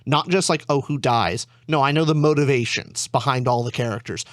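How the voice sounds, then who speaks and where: A man's voice: medium pitch, a little fast, fairly bright tone, dry recording, studio quality. A young man as a guest in a casual chat, telling stories in a wry, teasing way. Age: young adult.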